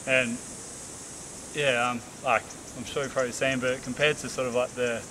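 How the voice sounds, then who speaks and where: A man's voice: medium pitch, moderate pace. A young Australian man talking casually to camera outdoors, tired after a hot hike, rambling with lots of fillers. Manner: relaxed, rambling, many fillers and restarts. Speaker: bushcraft vlogger. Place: outdoors in the bush by rocks. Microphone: camera on a tripod a few metres away. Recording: outdoor camera audio with steady hiss.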